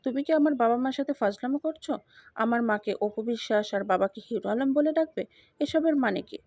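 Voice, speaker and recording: A man's voice: extremely high pitch, fairly quick, darkish tone, no echo. Woman reading as a hot-headed husband now begging. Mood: angry. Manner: read plainly by the narrator, pleading. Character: remorseful young husband, hot-tempered then pleading. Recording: dull lo-fi dry recording.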